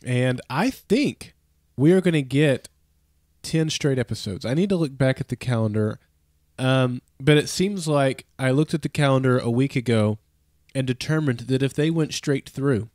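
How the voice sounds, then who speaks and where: A man's voice: mid-range voice, moderate pace, darkish tone, dry recording, studio quality. A man in his thirties with a nasal, stuffy voice from a head cold, hosting a casual podcast chat and rambling with frequent restarts. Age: 30s. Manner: rambling, self-correcting, chuckles often. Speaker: podcast host.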